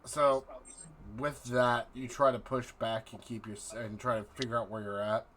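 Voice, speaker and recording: A man narrating a horror tabletop game as game master, halting and dramatic, repeating phrases for effect. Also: medium pitch, flat delivery, fairly bright tone, a little hiss or hum.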